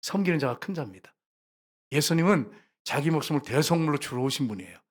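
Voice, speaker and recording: A man preaching a sermon to his congregation as their pastor. He speaks with emphasis and often rises to loud, repeated calls to the listeners. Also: fairly high pitch, animated, fast talker, slightly rough. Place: church sanctuary.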